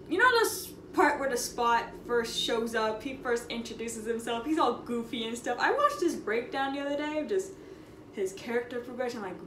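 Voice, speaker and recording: A young woman with a high voice hosts a storytime vlog, telling a casual story in an echoey room with some background noise. She sounds expressive and slangy, leaning hard on dramatic emphasis and repeated phrases.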